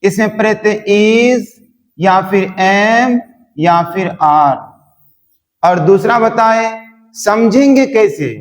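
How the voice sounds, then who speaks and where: A man teaching a spoken English lesson, repeating words over and over as he drills his class. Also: high-pitched. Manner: slow, repetitive drilling. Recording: long hall reverb.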